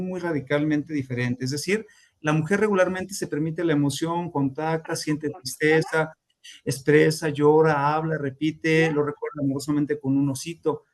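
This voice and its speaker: Man, higher-pitched voice, grief therapy lecture, explanatory. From Mexico. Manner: explanatory, acts out clients' voices in quotes. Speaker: grief therapist teaching a class.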